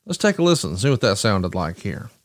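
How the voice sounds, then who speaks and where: A man's voice: fairly low pitch, sing-song, fairly quick, no room sound, clean studio sound. A man hosting a podcast, moving between scripted ad reads and talk to his listeners. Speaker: podcast host.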